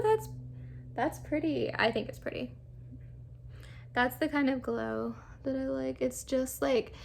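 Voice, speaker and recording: Young woman, beauty vlogger, casual rambling chat, gravelly fry, slightly high voice. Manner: chatty, rambling, with many fillers. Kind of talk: casual makeup try-on chat.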